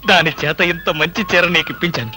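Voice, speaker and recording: An actor playing a mischievous, scheming husband in a film comedy, talking in a teasing, theatrical way. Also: male voice, on the high side, fast, sharp tone, soft background music. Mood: sly. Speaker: husband, office worker.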